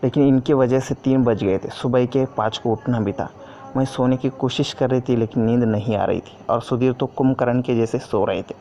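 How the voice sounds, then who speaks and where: A man telling a first-person story in a plain, unhurried way, with small restarts. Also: mid-range voice, steady tone, warm tone. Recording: dull lo-fi audio with faint noise.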